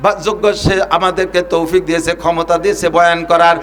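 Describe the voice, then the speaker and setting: High-voiced impassioned male preacher. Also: flat delivery, brisk, faint music behind. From Bangladesh. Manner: impassioned, rising to loud cries; chants Arabic verses. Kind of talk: Bengali waz sermon.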